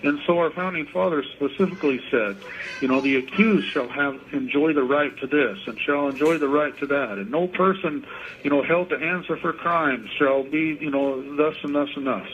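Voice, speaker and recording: A man speaking as an inmate guest on a payphone call, talking politics informally in a halting way and repeating his words. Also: a little high. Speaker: interview guest, prison inmate calling in. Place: prison phone. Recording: muffled, noisy payphone line.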